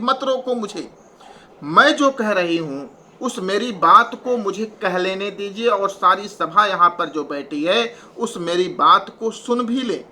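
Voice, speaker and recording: A man teaching Hindi poetry, reciting verses slowly and then explaining them line by line in plain prose. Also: high-pitched, sharp tone. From India.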